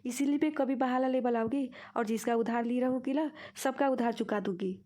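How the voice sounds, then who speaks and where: A woman's voice: fairly high pitch, steady tone, fairly quick, dark tone, lightly acted. A woman voicing a complaining aging woman who pretends to be forgetful in a cartoon. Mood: remorseful. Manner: complaining, whiny. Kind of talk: cartoon voice acting.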